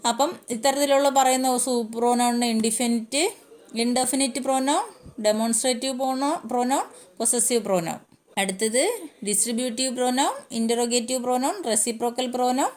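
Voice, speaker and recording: A woman's voice: a little high, a little mellow. A woman with a Malayali accent teaching English grammar in a casual spoken lesson, going through terms one by one and repeating them as she explains.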